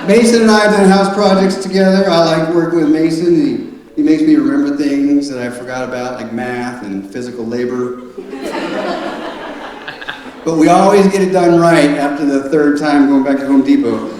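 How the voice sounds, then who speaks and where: A middle-aged man giving a father of the bride wedding speech in a folksy, conversational, joking and sentimental way. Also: a little high. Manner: folksy, conversational, joking delivery with halting asides. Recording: very echoey room, distant mic, noisy.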